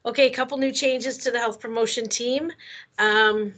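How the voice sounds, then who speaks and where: A woman giving friendly, steady team announcements on a work video call. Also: a little high, moderate pace. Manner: friendly, steady, some fillers. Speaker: health promotion team lead.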